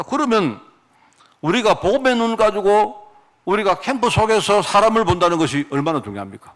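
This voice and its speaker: A middle-aged man from Daegu with a Gyeongsang accent, preaching a sermon with emphatic rhetorical questions. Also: high voice. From Daegu, South Korea. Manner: animated, emphatic, asks the congregation rhetorical questions. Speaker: pastor.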